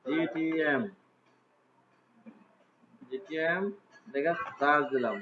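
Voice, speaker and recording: Teacher with tinny lo-fi sound. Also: male voice, fairly high pitch, fairly even intonation, takes it slowly. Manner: casual, asks students frequent check questions. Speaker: computer class teacher. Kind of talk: live class walkthrough. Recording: tinny phone-like audio with faint hiss.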